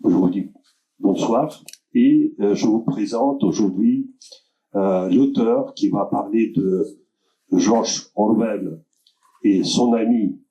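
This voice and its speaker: A man hosting a literary evening, introducing the speakers in a halting way, with many filler sounds and restarts. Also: lowish voice, dark tone. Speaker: event host introducing speakers. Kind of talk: hesitant spoken introduction. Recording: dull lo-fi room recording.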